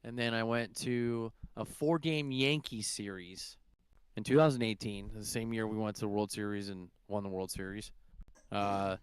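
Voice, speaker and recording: A man's voice: lowish voice, steady tone, moderate pace, smooth, dry recording. A young man co-hosting a podcast, telling stories in a rambling, profane way with lots of fillers. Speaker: podcast co-host. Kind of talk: casual chat.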